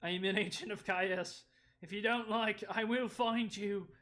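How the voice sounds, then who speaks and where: A man putting on a mock-threatening enforcer voice with an Australian-British accent, speaking slowly and deliberately. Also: high-pitched, steady tone, a bit bright, pitched above the performer's own voice. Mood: menacing. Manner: threatening, drawn-out delivery.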